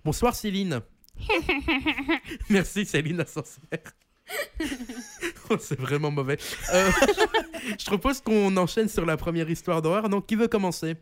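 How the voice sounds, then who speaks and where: A man's voice: high-pitched, moderate pace. A young man hosting a casual student radio show, joking and hesitant, with many fillers. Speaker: host.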